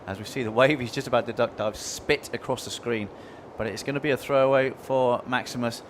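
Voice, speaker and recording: A man's voice: medium pitch, fairly even intonation, fairly quick, a little hiss or hum. A man giving conversational live surfing analysis in a laid-back, informal way. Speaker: surfing colour commentator.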